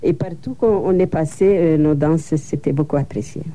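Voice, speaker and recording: A woman's voice: low voice, normal speed, warm tone. A woman giving interview answers in a plain, matter-of-fact storytelling way. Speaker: interviewee, association co-founder.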